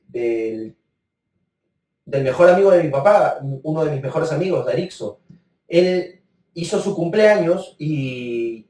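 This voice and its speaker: A young man with a Peruvian Spanish accent, a podcast co-host recalling memories in a halting way as he searches for words. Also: on the high side, dark tone. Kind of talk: casual chat. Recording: roomy, from a distance.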